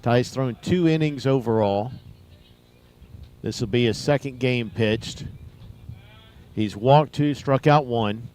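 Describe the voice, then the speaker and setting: A man's voice: mid-range voice, slow, pauses often, a little mellow. A man giving conversational live commentary on a baseball broadcast. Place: at a baseball ballpark.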